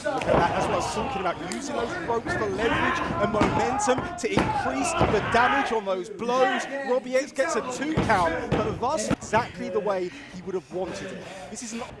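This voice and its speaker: A man giving excited, emphatic play-by-play as a wrestling commentator, with dramatic repetition. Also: very high-pitched, moderate pace. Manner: emphatic, dramatic, repeats phrases for effect. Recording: loud crowd noise behind. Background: loud wrestling crowd.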